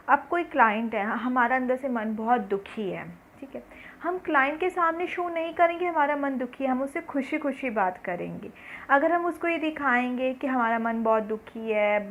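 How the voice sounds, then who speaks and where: A woman cosmetology instructor giving a classroom-style lesson. She reads English definitions slowly, then explains them patiently in everyday talk and repeats her points. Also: a little high, low-quality recording.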